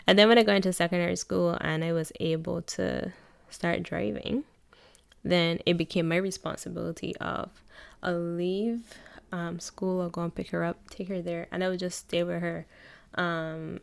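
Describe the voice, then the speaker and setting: A young Barbadian woman with a lowish, creaky, slightly mellow voice and a Barbadian accent hosts her own solo podcast. She chats casually, laughs often, and corrects herself as she goes.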